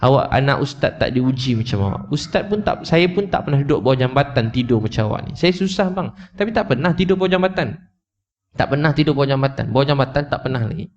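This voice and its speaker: An animated man with a mid-range, slightly mellow voice preaches fast to a live audience. He tells a story emotionally, repeats his points, and speaks straight to his listeners. The recording is slightly dull and lo-fi.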